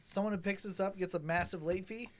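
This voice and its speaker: A man who teases his co-host in easy banter on a live comic sale. His voice sits fairly high for a man, with a faint hiss of noise behind it. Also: fairly even intonation, fast. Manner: teasing, playful. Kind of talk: casual live-stream banter.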